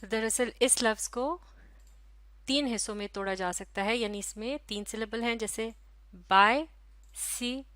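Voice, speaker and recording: A woman teacher with a Pakistani Urdu accent and a fairly high voice talks close to a dry mic. She speaks slowly and carefully, stretching out each syllable for young learners. She asks questions and then answers them herself. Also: fairly even intonation, dry recording. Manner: slow, careful, drawn-out syllables for children. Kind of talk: recorded classroom lecture.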